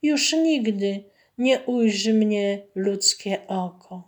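A woman voicing a gentle young mermaid who pleads softly and slowly in a storybook tale. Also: mid-range voice. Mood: pleading.

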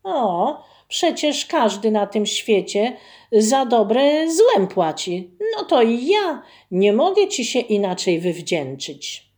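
A woman voicing a big ungrateful male bear in a folk tale, speaking loudly in a high, lively voice. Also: slow. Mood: gloating. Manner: loud, pleading then gloating.

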